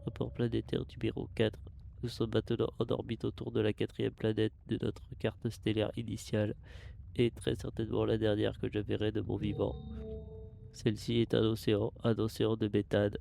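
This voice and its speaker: A man voicing a spaceship's log in a put-on robot voice, monotone and formal, reading log entries aloud. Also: fairly low pitch, gravelly, faint music behind. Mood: weary. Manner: monotone, measured, formal delivery. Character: flat robotic voice of a spaceship log, human crew. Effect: robot voice put on by mouth, no filter.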